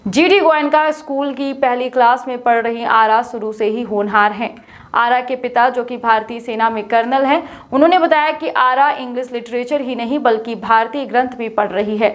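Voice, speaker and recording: A woman's voice: on the high side, steady tone, moderate pace. A young woman presenting a scripted news report.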